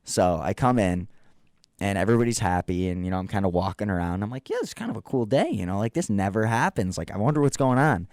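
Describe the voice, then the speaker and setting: A young man in his twenties, a radio show host, telling a funny story in a casual, animated way and mocking the people in it. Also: low voice, fast, no room sound, clean studio sound. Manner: animated, mocking storyteller who acts out others' voices.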